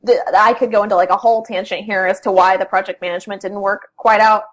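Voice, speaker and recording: A woman's voice: mid-range voice, fairly even intonation, fast. Chatty young woman full of fillers. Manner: chatty, many fillers and restarts. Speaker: interview guest, freelance writer. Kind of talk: casual conversational interview.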